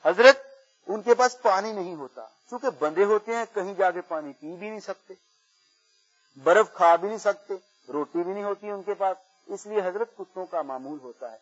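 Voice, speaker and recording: A man preaching a storytelling sermon at a religious gathering, swinging from quiet to loud. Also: high voice, husky. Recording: muffled lo-fi recording.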